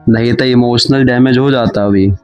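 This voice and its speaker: A man's voice: mid-range voice, fairly even intonation, normal speed, darkish tone, dull audio, faint music behind, close to an everyday voice. A man voicing a naive but witty young village man who talks in a cheeky, playful rustic way.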